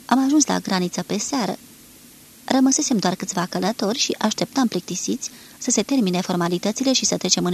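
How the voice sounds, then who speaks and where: A woman reading a literary novel aloud in a measured way, lightly acting out the dialogue, from a 1983 archive recording. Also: mid-range voice. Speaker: reader of a novel. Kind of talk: scripted literary narration.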